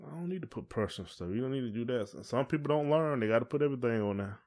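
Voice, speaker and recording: An American man co-hosts a podcast, chatting casually with his spouse in a mid-range, slightly mellow voice that's expressive and very fast. He's opinionated, repeats his points, and acts out quotes by mimicking other people.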